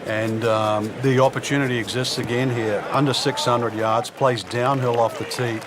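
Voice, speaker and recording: A man's voice: mid-range voice, steady tone, normal speed, close to an everyday voice. A man giving expert golf commentary as an analyst, in a considered, conversational way. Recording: noisy outdoor crowd behind the voice. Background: crowd and outdoor ambience.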